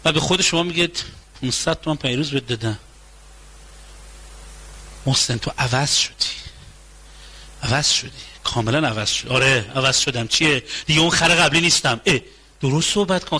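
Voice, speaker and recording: A man with a slightly high, husky voice talks through a marriage in conversational lecture style. He repeats phrases for rhythm and slips into acting out both husband and wife in rapid exchanges, with a forceful edge to his delivery. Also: poor audio. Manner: acts out both spouses in quick dialogue. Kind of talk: lecture on relationships.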